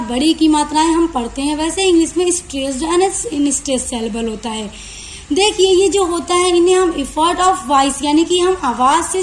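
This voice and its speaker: High-pitched woman tutor, reads definitions slowly and explains quickly. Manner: reads English definitions very slowly, then explains fast and at length. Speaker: online tutor. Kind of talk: lecture for university students.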